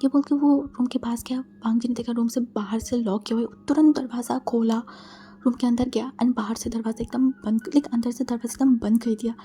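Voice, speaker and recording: A woman casually retelling a fan-fiction story, often in a soft half-whisper. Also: a little high, steady tone, fairly quick, faint music behind. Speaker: story narrator.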